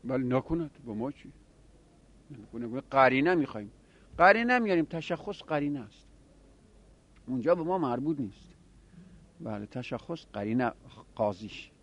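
A man teaching a grammar class, explaining rules step by step and quizzing his students with quick questions. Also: medium pitch, expressive, fairly bright tone, muffled recording.

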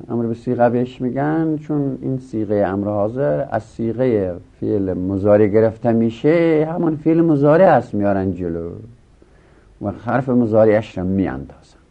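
A man's voice: medium pitch, lively intonation, creaky. A man teaching Arabic grammar in a lecture, explaining each rule step by step and answering his own questions. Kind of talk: classroom lecture. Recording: dull lo-fi recording.

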